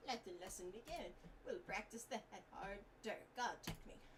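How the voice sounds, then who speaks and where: A woman voicing a stern old male martial arts master, speaking in a calm, solemn, formal way like a wise teacher in a video game. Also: mid-range voice, normal speed, natural voice. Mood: stern, instructing. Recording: fan noise, distant mic.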